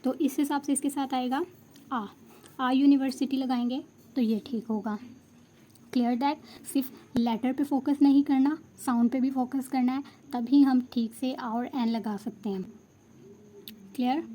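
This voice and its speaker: Mellow-voiced woman teaching English grammar. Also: sits high, steady tone, measured pace, a little hiss or hum. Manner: patient, checks understanding, mixes Hindi and English. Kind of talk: explanatory lesson.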